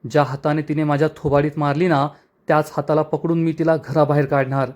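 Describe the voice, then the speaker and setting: A man's voice: on the high side, level tone, quick pace, darkish tone, close to an everyday voice. A man voicing a proud, vengeful young woman in a retold serial, talking bitterly and threateningly.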